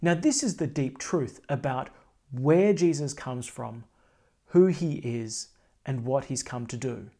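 A man's voice: mid-range voice, measured pace, warm tone. A man speaking as a priest at Mass, in a solemn, declamatory style of scripture reading and preaching. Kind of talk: liturgical scripture reading and homily.

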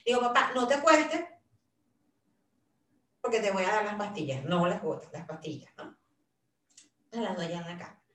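A woman's voice: mid-range voice, moderate pace, pauses often. A middle-aged woman talking casually about caring for her father, telling stories and acting out what people said. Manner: animated storyteller, acts out quotes of her father and herself. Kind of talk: casual talk sharing caregiving advice. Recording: roomy echo, a little far from the mic.

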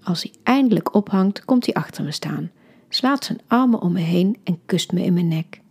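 A woman hosting a podcast, reading a short story aloud in an intimate, soft delivery that often drops to a near-whisper. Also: on the low side, expressive, normal speed, husky.

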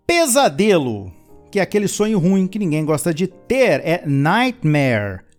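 A man with a high, very animated voice teaches English, moving from chatty explanations to slow, careful model sentences with playful asides to his learners. He takes his time overall, and soft music plays faintly behind him. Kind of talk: language lesson with repeat-after-me drills.

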